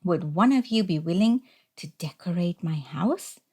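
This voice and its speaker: Woman voicing a gentle, unhurried little hermit crab. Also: fairly low pitch, animated, slightly rough. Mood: admiring, polite. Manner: gentle, earnest, courteous questioning. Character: timid, polite, appreciative hermit crab looking for friends. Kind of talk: children's storybook character voice.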